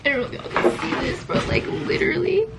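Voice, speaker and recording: A teary young woman of nineteen gushes through an unboxing vlog, her voice high and bright. She sits a bit back from the mic, and a loud hiss of noise runs under everything she says. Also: expressive, brisk, distant mic. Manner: gushing, tearful, says "like" and "literally" often. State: teary, on the verge of crying. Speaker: vlogger.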